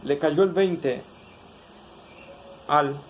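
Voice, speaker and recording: A man's voice: fairly high pitch, extremely slow, a little hiss or hum, low-quality recording. A pastor preaching a sermon, asking the congregation questions as he goes.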